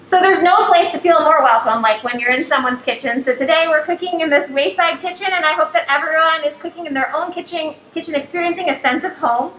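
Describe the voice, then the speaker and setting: High-voiced woman hosting a cooking stream. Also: fairly quick, few pauses, fairly bright tone. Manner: upbeat, talks straight to viewers. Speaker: host. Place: kitchen. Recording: echoey kitchen, faint background noise.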